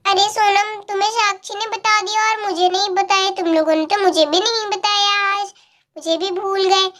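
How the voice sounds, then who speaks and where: A timid village aunt in a doll story, played by a woman, scares easily and then brags that she is brave. The voice stays very high and close to a plain speaking voice. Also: fairly even intonation, normal speed, fairly bright tone. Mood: flustered. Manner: defensive, boastful. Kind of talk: doll story role-play.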